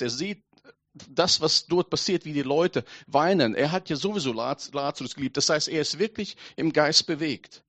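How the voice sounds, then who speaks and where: A man preaching a sermon, reading scripture aloud and sinking to a hushed voice for emphasis. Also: on the high side, dry recording.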